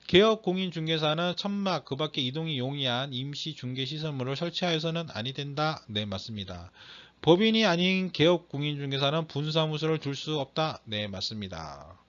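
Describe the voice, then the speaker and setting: Heard through muffled, dull lo-fi sound, an exam lecturer teaching real estate broker law reads out questions and walks through the answers. His slightly high, bright voice is a little strained from throat trouble, and he emphasizes and repeats important phrases.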